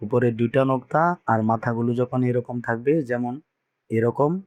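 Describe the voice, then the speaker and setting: Leading call-and-response drills on Arabic letters, a man patiently says each sound for beginning Quran readers to repeat. He speaks at a measured pace in a slightly mellow mid-range voice.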